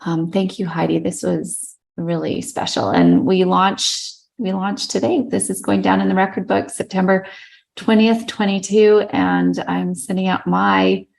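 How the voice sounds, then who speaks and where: A woman co-founder thanking her new team on a video call, halting and grateful. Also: mid-range voice, vocal fry, darkish tone, low-quality recording. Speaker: business co-founder.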